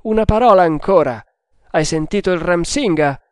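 A man's voice: high voice, lively intonation, normal speed, clean tone, no echo, voice pushed up. A man voicing a bold, desperate Indian hunter with an urgent, raised delivery in an audiobook. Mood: questioning. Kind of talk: audiobook character voice.

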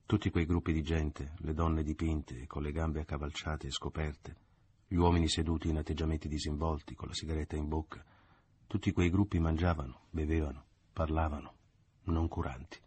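Deep husky male audiobook narrator. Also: little pitch movement, normal speed, a little mellow. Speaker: audiobook reader. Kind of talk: literary narration.

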